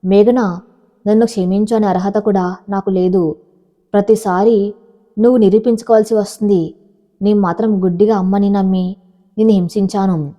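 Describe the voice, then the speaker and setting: A woman's voice: mid-range voice, fairly even intonation, normal speed, long pauses, big-room sound, natural voice. A woman voicing a suspicious young husband who speaks in an accusing, emotional way, on a dull lo-fi recording. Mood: remorseful.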